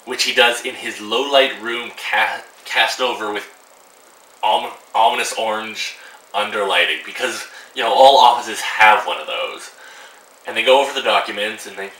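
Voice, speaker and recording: A man's voice: fairly low pitch, bright, forceful tone, echoey room, recorded from a distance, poor audio. A teenage boy ranting to camera about a film, sarcastic and exasperated, swearing freely. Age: teens. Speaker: vlogger. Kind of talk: casual rant to camera. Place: room at home.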